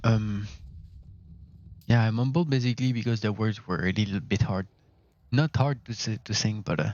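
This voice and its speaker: A man's voice: fairly low pitch, normal speed, darkish tone, muffled recording. Quebec French-accented man streaming a shooter. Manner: chatty, self-correcting, mumbles and laughs while playing. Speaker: gaming streamer. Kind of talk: casual live-stream commentary.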